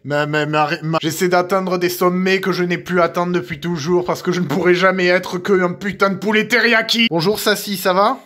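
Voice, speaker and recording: A man's voice: high-pitched, fairly even intonation, normal speed, few pauses, bright, forceful tone. A young man filming a chaotic cooking vlog in his home kitchen, rambling, swearing constantly and mocking himself as he improvises a recipe. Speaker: cooking vlogger.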